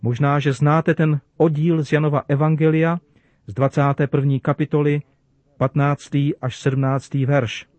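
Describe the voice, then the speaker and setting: A man preaching to children, telling a story in a gentle, measured way. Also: fairly high pitch, level tone, no room sound.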